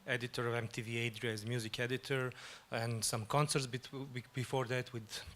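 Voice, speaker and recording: A man with a Serbian accent introduces himself on a conference panel in a flat, level tone. He runs through his past roles, dotted with uhs. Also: mid-range voice, fairly quick, a little hiss or hum. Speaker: panelist, label founder.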